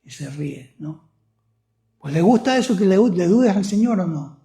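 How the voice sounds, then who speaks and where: A man's voice: sits high, animated, unhurried, creaky, warm tone, echoey room. A male pastor preaching a sermon, often putting questions to the congregation.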